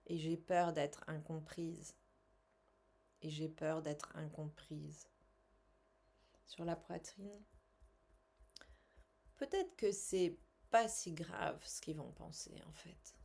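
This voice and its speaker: A woman leads a gentle tapping session at an unhurried pace. Her voice sits low with a gravelly fry, and she repeats calming phrases with slow, deliberate breathing cues.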